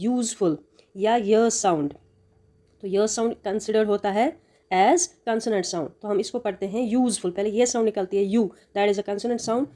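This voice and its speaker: A woman teaching English grammar, explaining in Hindi and reading each example sentence slowly and deliberately. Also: medium pitch, mellow.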